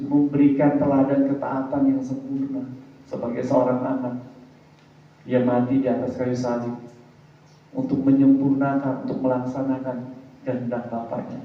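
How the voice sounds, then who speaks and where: A pastor delivers a lively sermon with a fairly high voice. He tells stories and keeps addressing the congregation. The recording is heavily echoey, picked up from a distance in a church hall, with a dull sound. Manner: animated storytelling preaching, often calls out to the congregation.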